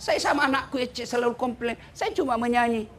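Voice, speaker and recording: A male preacher, giving a humorous sermon to a live audience, with loud bursts of emphasis and snatches of sung song. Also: very high voice, a little fast, slight background noise.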